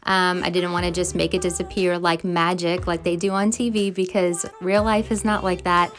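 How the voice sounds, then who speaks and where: With background music underneath, a home and cleaning vlogger, a middle-aged American woman, records voiceover in a closet at home. Her lowish voice is a bit bright, her delivery flat and moderately paced, yet friendly, encouraging and confiding.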